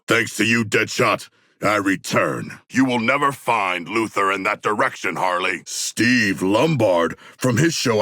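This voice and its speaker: Game creature role: massive shark-man warrior, rough gravel and hard edge, dry close sound, solemn formal phrasing, proud and sincere. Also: on the low side, pushed and bright, no echo, heavily acted. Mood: battle-ready, forceful. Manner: stilted formal diction, earnest, declamatory. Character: huge humanoid shark warrior, formal, earnest, proud and literal-minded. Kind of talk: video game character voice lines.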